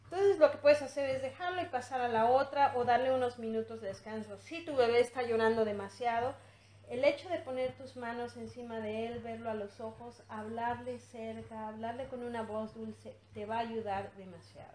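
A woman with a high voice calmly walks through baby massage moves, pausing on fillers and restarting her phrases. Her voice rings a little in an echoey indoor room. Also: slight background noise. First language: English-teaching background, usually teaches in English. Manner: gentle, explanatory, with many fillers and restarts. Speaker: infant massage instructor. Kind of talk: demonstration tutorial.

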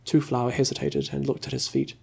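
Gravelly, husky man reading softly. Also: medium pitch. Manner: slow, calm, soothing. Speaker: ASMR reader. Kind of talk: soft-spoken ASMR story reading.

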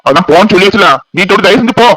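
A man's voice: sits high, fairly bright tone, a little hiss or hum, poor audio. A man voicing a harsh elder brother. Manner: curt, rapid, scolding. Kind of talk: cartoon voice acting.

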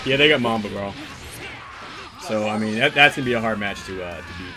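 A man's voice: fairly low pitch, expressive, brisk, music in the background. A man giving loose, rambling commentary on a gaming stream, swearing freely as he organizes a tournament.

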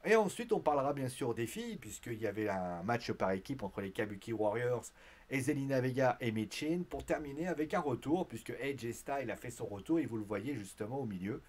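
Man, wrestling recap host, casual commentary, animated, blunt slang, medium pitch. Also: fairly quick. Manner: acts out quotes in a louder, higher voice.

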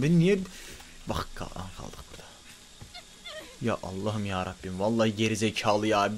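A young man giving excited let's-play commentary, swinging between loud frantic outbursts and muttering to himself. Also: mid-range voice, a little hiss or hum. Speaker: gaming YouTuber.

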